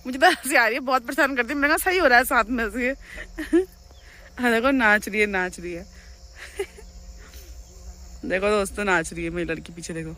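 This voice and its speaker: Bright-voiced young woman vlogger. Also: a little high, normal speed, long pauses. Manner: chatty, animated, laughs often. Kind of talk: casual storytelling vlog. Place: at home, near farm animals.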